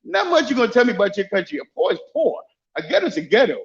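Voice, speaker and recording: A man's voice: extremely high pitch, very animated, rapid-fire, creaky. A man with a Dominican-influenced accent chatting casually and telling stories emphatically, often repeating phrases to make his point. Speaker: guest, travel YouTuber. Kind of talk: casual chat, animated storytelling. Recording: dull lo-fi call audio.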